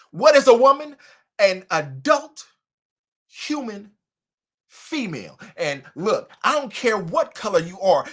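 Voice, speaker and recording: A man's voice: high voice, slightly rough. Mocking man ranting on a stream. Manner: mocking, preachy, loud swings in volume. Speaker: commentary host. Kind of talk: livestream commentary.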